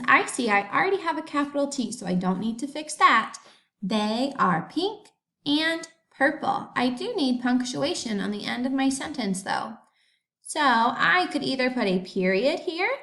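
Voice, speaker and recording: A woman teaching a kindergarten class remotely, reading sentences slowly and sounding out words for young children. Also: fairly high pitch, a bit bright.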